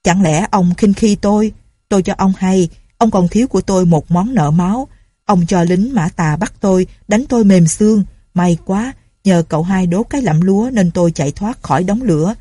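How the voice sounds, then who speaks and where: A woman's voice: mid-range voice, moderate pace, dark tone, breathy edge, dry recording, clean studio sound, lightly acted. A woman reading a story aloud, voicing a boastful, menacing old male bandit chief.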